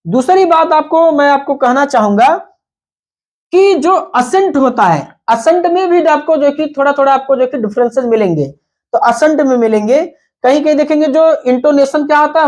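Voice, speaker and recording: A man's voice: extremely high pitch, darkish tone. A man teaching a lesson, spelling words out letter by letter and asking himself questions as he explains. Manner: repetitive, rhetorical questions. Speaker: English teacher.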